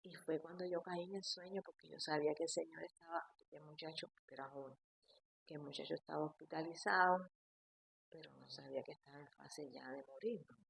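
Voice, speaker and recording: Woman, Cuban accent, casual storytelling vlog, husky, low-pitched. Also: steady tone, fairly quick, no echo. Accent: Cuban Spanish. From Cuba. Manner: intimate, confiding, drifting quieter. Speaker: vlogger.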